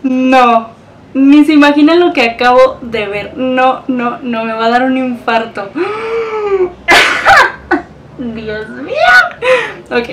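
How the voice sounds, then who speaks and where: A young woman with a Mexican Spanish accent, a beauty vlogger, gushes emotionally while unboxing a package for her vlog. Her voice is high-pitched with fairly even intonation and a measured pace. The recording is distant, with a noisy background.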